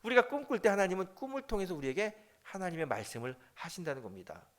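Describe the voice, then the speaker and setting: A man's voice: sits high, very animated, fast. A middle-aged man, a senior pastor, preaching a Sunday sermon and telling a story with acted-out prayers and dialogue.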